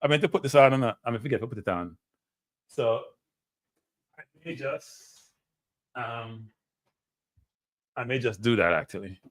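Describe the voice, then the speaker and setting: A man's voice: mid-range voice, lively intonation, a little slow, pauses often, no room sound, clean studio sound. A middle-aged man with a Jamaican accent hosting a live stream, lecturing viewers and answering chat, slipping in and out of patois. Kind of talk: ranting live stream commentary.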